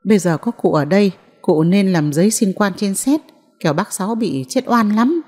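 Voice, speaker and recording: A woman's voice: medium pitch, expressive, moderate pace, a little mellow, big-room sound, natural voice. Woman reading as a frank old village man. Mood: persuasive.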